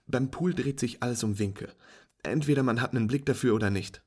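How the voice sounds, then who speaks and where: A man's voice: mid-range voice, fairly quick, darkish tone, husky, voice pushed up, lightly acted. A man voicing a friendly young woman who patiently teaches pool, playful and encouraging as she speaks. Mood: cheerful, instructive. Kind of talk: storytelling with acted dialogue.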